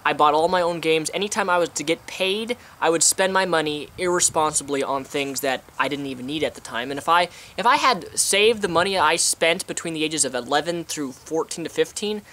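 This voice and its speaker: A man's voice: on the high side, fairly quick, few pauses, sharp tone. A young man giving his opinions in a casual vlog, chatty and talking with food in his mouth, recorded outdoors. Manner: chatty, eating while talking. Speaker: vlogger. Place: outdoors on a sunny day.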